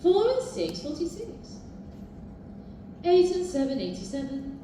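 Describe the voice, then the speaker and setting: A British woman working as a bingo caller, announcing numbers live in a sing-song, formulaic way with measured repetition. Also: very high voice, big pitch swings, warm tone. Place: large echoing indoor bingo hall. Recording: very echoey hall, distant, noisy.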